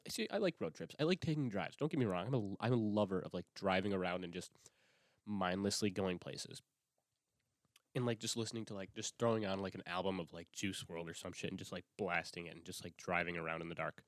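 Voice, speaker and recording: Sniffling with a cold, a young podcast host delivers a casual solo monologue, swearing a lot, wandering off track and restarting his sentences. He has a low-pitched voice and a brisk pace, captured in a dry, studio-quality recording.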